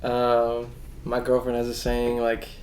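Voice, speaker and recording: A man from Costa Rica, a guest in a casual chat, hesitant and halting with fillers. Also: mid-range voice, monotone, echoey room, noisy background. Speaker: guest, music student.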